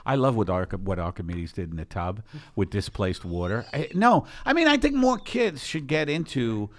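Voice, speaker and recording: Low, lively-voiced man riffing sarcastically. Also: normal speed. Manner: sarcastic, rambling, mock-serious riffs. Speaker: podcast host. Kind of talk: casual comedic chat.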